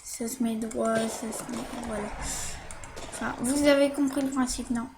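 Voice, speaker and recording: A woman's voice: fairly high pitch, steady tone, moderate pace, noisy background. A woman talking through a casual game tutorial while she plays, hesitant, with many fillers and little "hop" sounds as she clicks.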